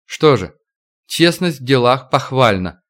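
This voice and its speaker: A man's voice: mid-range voice, lively intonation, a bit bright. A man doing a courteous, cautious count. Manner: courteous, measured, formal.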